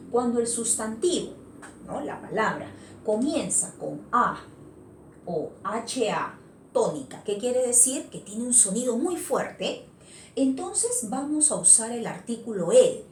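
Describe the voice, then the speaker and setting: A woman's voice: fairly high pitch, a little mellow. A woman teacher, patiently explaining a lesson and often checking in with her students. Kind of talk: virtual class lesson. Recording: echoey room with faint noise.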